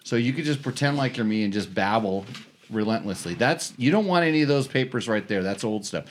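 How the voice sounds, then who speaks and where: A man's voice: fairly low pitch, lively intonation, a little fast, slight background noise. A man who normally hosts, now working as producer, teasing his stand-in host in a rambling way, stumbling over and repeating words. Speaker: regular host acting as producer. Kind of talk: casual comedic chat show.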